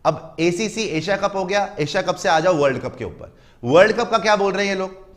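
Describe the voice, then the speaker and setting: A man's voice: high-pitched, fairly quick, a bit bright. A man giving opinionated, emphatic cricket commentary, lecturing his listeners and mocking the other side.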